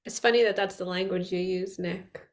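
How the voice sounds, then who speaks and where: A woman's voice: fairly low pitch, fairly even intonation, normal speed. A woman from Long Island, a mother, co-hosting a podcast in casual, playful conversation and laughing often. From Long Island, New York. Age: young adult to middle-aged, a mother. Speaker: podcast co-host.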